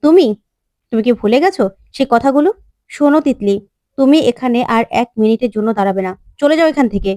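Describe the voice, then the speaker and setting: Young husband, bitter and rejecting, voiced by a woman storyteller, fairly high voice, dry sound. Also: lively intonation, fast, dark tone, no room sound. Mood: angry. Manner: pleading, then sharply rejecting. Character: young husband, angry and anguished.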